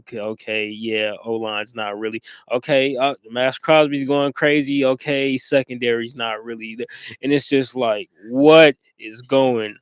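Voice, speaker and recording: A man's voice: mid-range voice, smooth, no echo. Rambling man co-hosting sports talk. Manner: rambling, with many fillers and restarts.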